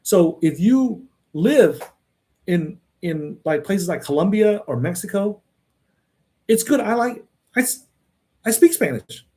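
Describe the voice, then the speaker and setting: Speaking slowly with long pauses, this man has a warm, high-sitting voice and lively intonation. Raised in Texas, he rambles casually while answering viewers, repeating words and adding "right?" and "okay?" to his sentences.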